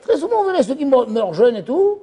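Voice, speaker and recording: A man giving an animated religious lecture as a rabbi, telling stories and acting out little dialogues. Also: extremely high pitch, fast, slight background noise. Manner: lively storytelling, acts out voices. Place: yeshiva lecture hall.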